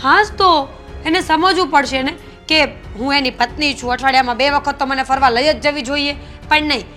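A loud stubborn young wife. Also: female voice, high-pitched, normal speed, soft background music. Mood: demanding. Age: young adult. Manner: loud, argumentative.

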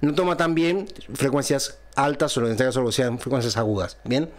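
A man's voice: mid-range voice, steady tone, normal speed. A man hosting a casual microphone review, explaining patiently and checking in with a frequent "¿bien?", recorded close on a dynamic mic in a home setup. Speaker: channel host reviewing a microphone. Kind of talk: casual tech review and sound test. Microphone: close dynamic studio microphone through a mixer.

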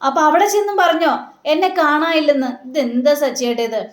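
A woman's voice: high voice, expressive, a little fast. A woman voicing a playful young wife who teases and scolds her husband, in an echoey room. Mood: teasing. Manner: teasing, scolding questions.

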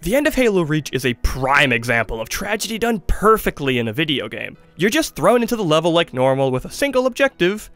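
Quick and sing-song with few pauses, a video essayist in his 20s delivers conversational, emphatic scripted commentary in his voice that's on the high side and a bit bright. He's in a small acoustic-foam studio on a studio microphone, with music playing.

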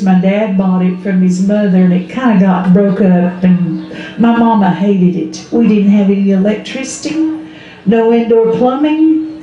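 A woman's voice: medium pitch, highs cut off. An older woman with an Appalachian accent tells folksy stories to an audience, often quoting conversations, speaking into a handheld microphone outdoors. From Southern Appalachia, Smoky Mountains. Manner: folksy, quoting relatives and neighbours in dialogue. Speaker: storyteller. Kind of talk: live folksy storytelling to an audience. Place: outdoors under an open tent at a public event. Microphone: handheld microphone through a PA. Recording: echoey outdoor PA with faint noise.

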